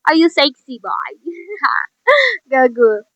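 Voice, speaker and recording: A woman's voice: high voice, huge pitch swings, drawn-out words, pushed and bright, no room sound. A young woman chatting casually and teasingly to viewers while playing a game. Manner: chatty, teasing, talks to herself and viewers, laughs often. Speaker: gaming vlogger. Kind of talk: casual gameplay commentary. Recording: dull lo-fi sound.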